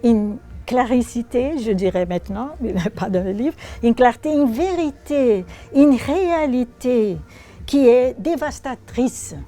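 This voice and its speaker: A woman with a Brazilian accent talks about her book, pausing often as she searches for the right word. Her voice sits slightly high yet sounds mellow, and her delivery is unhurried. The recording is close and dry. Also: expressive. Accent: Brazilian Portuguese. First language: Portuguese. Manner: reflective, searching for words, soft laughs. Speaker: author presenting her book. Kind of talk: bookshop talk and reading aloud.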